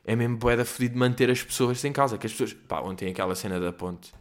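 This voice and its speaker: Portuguese guy ranting alone on his podcast at home, swears a lot, throws in english bits, loud then mumbly. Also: fast talker. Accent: European Portuguese. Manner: profane, digressive, mixes in English phrases; swings from loud exclamations to low mutters. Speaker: podcast host. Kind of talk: rambling comedic solo podcast rant. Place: at home in quarantine.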